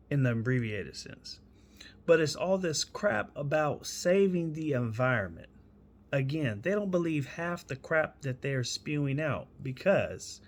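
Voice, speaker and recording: Indignant preaching man ranting. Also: on the high side. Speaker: evangelist. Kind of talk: ranting commentary vlog.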